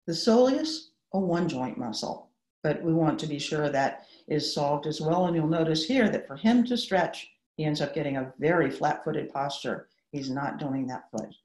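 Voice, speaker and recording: A middle-aged woman, a sports medicine doctor, giving a measured, explanatory webinar lecture over a video call. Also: sits low, lively intonation, darkish tone. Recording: roomy echo.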